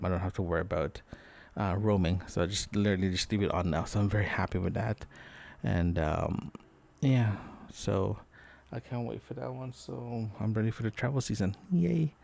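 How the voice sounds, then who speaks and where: A man with a lowish, gravelly, darkish voice records an unscripted audio diary for his podcast. He talks casually in a rambling, halting way, letting asides trail off.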